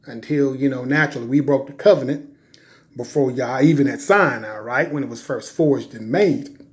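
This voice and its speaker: A man's voice: medium pitch, moderate pace. A man giving an informal religious teaching, talking conversationally and checking in with "right?" and "okay?" after nearly every point.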